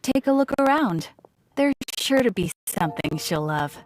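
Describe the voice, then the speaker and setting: A woman's voice: medium pitch, lively intonation, normal speed, slight background noise, lightly acted, rough recording. A woman voicing a friendly, persuasive souvenir shopkeeper with chirpy, coaxing sales patter in an anime game. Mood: welcoming.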